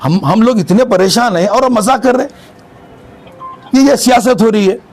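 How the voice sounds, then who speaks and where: A man, speaking up for market vendors in a street interview. His voice sits high, and he talks with heated, emphatic insistence. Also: normal speed, faint music behind. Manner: agitated, emphatic complaint.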